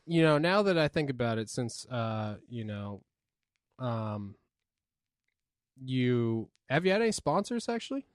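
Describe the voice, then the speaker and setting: A man's voice: medium pitch, sing-song, a little slow, long pauses, clear, resonant tone, no room sound, studio quality. A man co-hosting a casual podcast, rambling and hesitant with lots of fillers. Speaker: podcast co-host.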